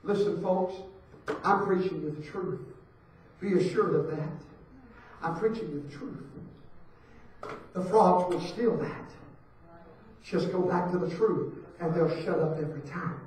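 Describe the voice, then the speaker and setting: A man preaching, his high voice rising and falling as he repeats his lines. He goes from near-whispers to full shouts. He stands well back from the mic, and the church hall echoes heavily around him. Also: measured pace, long pauses, recorded from a distance. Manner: swings from hushed to shouting, rhythmic repetition. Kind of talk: fiery church sermon. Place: church sanctuary.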